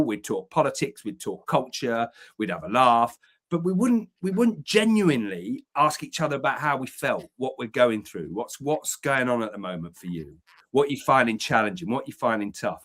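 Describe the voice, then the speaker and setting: Speaking in a mid-range voice with a slightly bright quality, an English podcast co-host and men's community founder talks earnestly from an upstairs room at home. He's emphatic, using swear words to hammer his points and repeating himself to drive them in, all in an easy conversational style.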